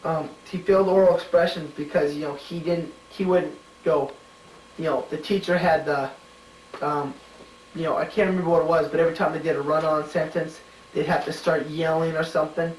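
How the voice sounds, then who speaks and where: Halting man answering homework questions, distant mic. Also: on the high side, fairly even intonation, a little hiss or hum. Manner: halting, filled with "you know" and "um"; thinks aloud while searching the book. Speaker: student answering study questions. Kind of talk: casual spoken homework answers. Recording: roomy home recording from a distant mic.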